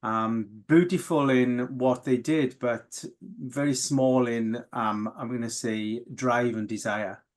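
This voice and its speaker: A man from the South Wales valleys, Welsh being his first language, is a guest in a candid, emotional interview. His medium-pitched voice keeps a fairly even intonation as he talks openly and reflectively, pausing and restarting often.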